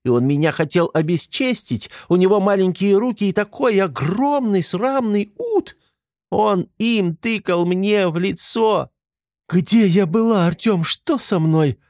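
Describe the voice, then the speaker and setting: Male reader doing a shrill, screaming young woman, much higher than his voice, wild swings. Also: lively intonation, measured pace, a little mellow, dry recording, studio quality. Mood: hysterical. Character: hysterical young woman, fiery and vengeful. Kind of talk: audiobook character voice.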